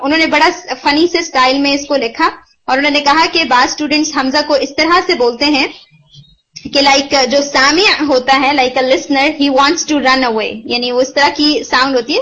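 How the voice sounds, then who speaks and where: A woman's voice: high voice, a bit bright. A woman teaching Arabic pronunciation, patiently explaining and demonstrating the sounds in a mixed-language online lesson. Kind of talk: online lesson, Hindi-Urdu mixed with English. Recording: dull, muffled lo-fi audio.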